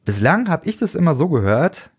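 A man hosting a reflective solo theology podcast, lively and often mimicking strict voices to make a point. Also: fairly high pitch, brisk, husky. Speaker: podcast host.

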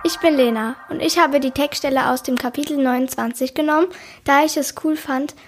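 A woman's voice: sits high, fairly even intonation, brisk, faint music behind. A young woman introduces herself, then reads a passage from a novel aloud in a plain, careful way. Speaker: student reader. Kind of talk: reading a book passage aloud.

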